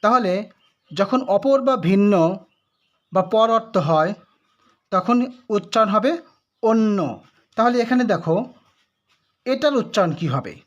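Man, teacher, pronunciation lesson, slow, repeats words for drilling. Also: high-pitched, expressive, highs cut off. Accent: Bangladeshi Bengali. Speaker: Bengali grammar teacher.

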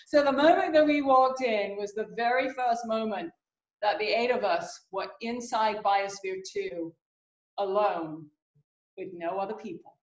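A middle-aged woman recalls things on a video call in a casual, halting way, leaning on fillers as she goes. Her voice sits at an average pitch for a woman. There is a noticeable room echo around her. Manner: hesitant, many fillers. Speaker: panelist. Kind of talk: casual panel discussion.

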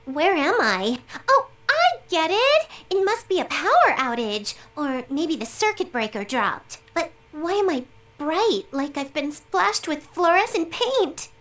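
A woman's voice: extremely high pitch, big pitch swings, measured pace, a bit bright, full character voice. A woman voicing a bubbly, scatterbrained and cheeky young girl heroine in an anime video game, playful and dramatic. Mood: curious, cheeky. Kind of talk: English video game voice acting.

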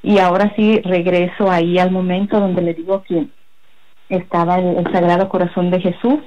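A woman giving a personal religious testimony in a halting, rambling way, full of fillers. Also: lowish voice, little pitch movement, highs cut off. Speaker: guest giving a faith testimony.

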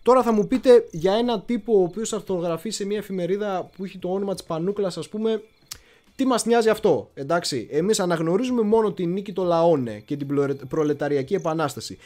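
The host of a casual history livestream is a man with a high-pitched, warm voice. His talk is chatty and meandering, with frequent pauses as he looks for words.

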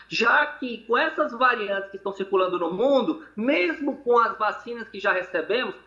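A man's voice: extremely high pitch, pushed and bright. A man, an infectious disease doctor, explaining as a guest over a video call from a hospital, with hesitant repeated words. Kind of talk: explanatory interview answers. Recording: lo-fi echoey video call audio.

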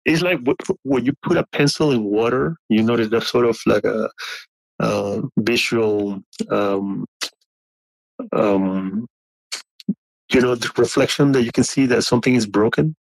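Halting man in his forties telling a story. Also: mid-range voice, creaky, breathy edge, dry recording, rough recording. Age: 40s. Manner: halting, many restarts and fillers. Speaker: guest. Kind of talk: casual storytelling.

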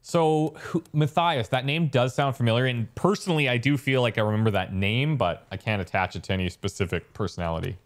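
A man's voice: mid-range voice, fairly quick, few pauses. A man giving casual gameplay commentary. He thinks aloud, trails off into fillers, and reacts to what is on screen in an easygoing way. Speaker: let's play host.

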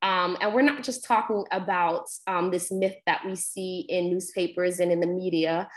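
A woman's voice: fairly low pitch, steady tone, moderate pace. A young woman from Guyana, raised in New York, leading an online poetry workshop as instructor, speaking earnestly with frequent ums. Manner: warm, earnest, many ums. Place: home room on video call. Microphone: laptop video call mic.

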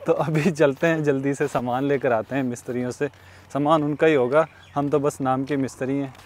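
A young man from Pakistan narrates a casual vlog outdoors across farmland and a building site, often laughing between sentences. His mid-range voice is a little fast with a darkish tone and fairly even intonation. He's recorded on a lapel mic with faint outdoor ambience behind him.

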